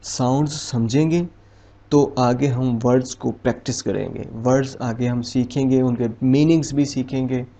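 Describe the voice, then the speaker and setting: A man's voice: mid-range voice, fairly even intonation, moderate pace, mellow. A man teaching an English vowel lesson, patiently explaining and repeating each example word one at a time. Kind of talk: slow spoken English lesson. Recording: dull lo-fi recording.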